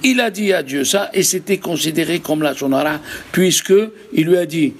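A rabbi teaching a religious lesson to a live group, emphatic and full of rhetorical questions. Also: male voice, fairly high pitch, moderate pace.

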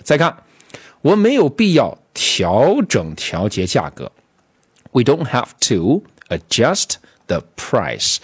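A man teaching English vocabulary to students, explaining step by step and repeating words slowly. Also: mid-range voice, slightly rough. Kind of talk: classroom-style vocabulary lesson.

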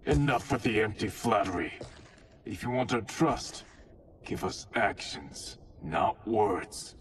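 Game ninja leader, lowish voice, authoritative, stern, clipped, formal, clear background noise. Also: male voice, animated, slow pace. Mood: stern, distrustful. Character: stern, commanding, distrustful male ninja warrior. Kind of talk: video game cutscene acting.

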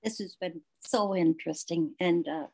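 Woman participant, lower voice; appreciative, halting remarks. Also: creaky, a little mellow, slightly rough, low-quality recording. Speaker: webinar participant. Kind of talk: webinar comment. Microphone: video call.

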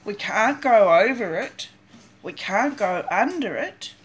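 An older woman reading a picture book aloud for young children in a grandmotherly, deliberate sing-song way with dramatic emphasis. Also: medium pitch, expressive, low-quality recording. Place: small cluttered room at home, indoors.

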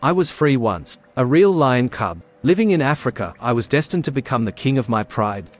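Guy doing a cartoon lion villain, bitter reject, slow dramatic menace, mid pitched. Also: very animated, close to an everyday voice.

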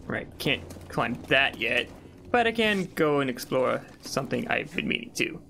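Gravelly young man narrating his gameplay. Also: mid-range voice, normal speed, slight background noise. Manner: relaxed, talks to himself as he plays. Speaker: gaming channel host. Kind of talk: casual let's-play commentary. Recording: game music under the voice. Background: game music.

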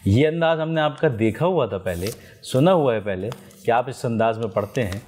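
Encouraging male judge with mid-range pitch. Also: lively intonation, moderate pace, darkish tone. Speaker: competition judge. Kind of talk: critique in a recitation contest.

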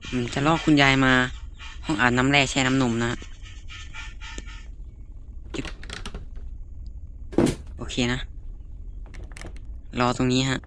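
A man giving excited, chatty commentary to his viewers as he plays a horror game. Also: mid-range voice, takes it slowly, pauses often, slight background noise. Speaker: gaming YouTuber. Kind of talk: live gameplay commentary.

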